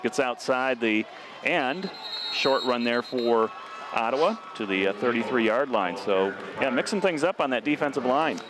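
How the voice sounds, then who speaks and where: A man calling a local high school football game play-by-play as the regular announcer. He talks steadily and climbs sharply on scoring plays. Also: lively intonation, normal speed, a crowd in the background.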